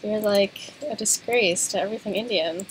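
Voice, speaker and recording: Quiet young woman co-player, mumbly and soft, casual gaming banter, noisy clicky recording. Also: mid-range voice, normal speed. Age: young adult. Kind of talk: casual let's-play chat.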